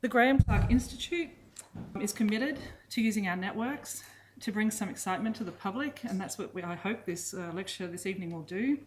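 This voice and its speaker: A woman hosting a public lecture, giving a warm, admiring introduction of the guest speaker with small fillers. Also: medium pitch, a little fast, slight background noise, poor audio. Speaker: event host. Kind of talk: formal introduction.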